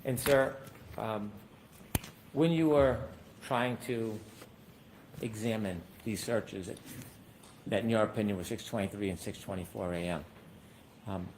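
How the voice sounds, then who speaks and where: A man's voice: on the low side, a little slow, long pauses, a little mellow, slight background noise. A man questioning a witness as an attorney in a courtroom recording, asking probing questions with frequent hesitations.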